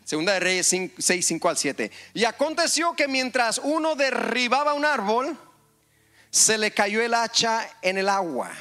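A male pastor preaching a lively sermon in a church, joking with the congregation and calling for amens. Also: high voice. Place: church hall.

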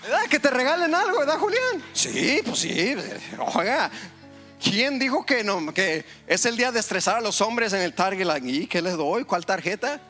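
A male pastor preaching a lively sermon in a church, joking with the congregation and calling for amens. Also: high-pitched, moderate pace, soft background music. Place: church hall.

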